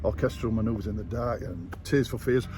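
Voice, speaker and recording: Yorkshire man in his sixties, trailing off softly. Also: lowish voice, normal speed, music in the background. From West Yorkshire, England. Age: 60s. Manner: relaxed, rambling with many fillers, trailing off quietly. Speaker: radio DJ and entertainer guest. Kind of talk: casual interview.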